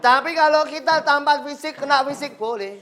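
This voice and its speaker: A man's voice: very high-pitched, over music. A male Islamic studies teacher with an Indonesian accent, giving a playful classroom lesson full of stories. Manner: slow, playful, acts out quoted taunts in a raised voice.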